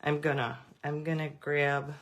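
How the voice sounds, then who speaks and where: A woman gives a live craft demonstration in a low, flat, slightly slow voice. She is chatty and rambling, full of fillers and restarts, and greets viewers by name as she goes.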